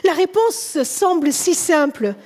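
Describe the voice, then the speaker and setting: High-voiced slow-paced woman preacher. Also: animated. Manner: earnest preaching, dropping to soft tender tones, rising when voicing biblical characters. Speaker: pastor. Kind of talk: sermon. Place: church.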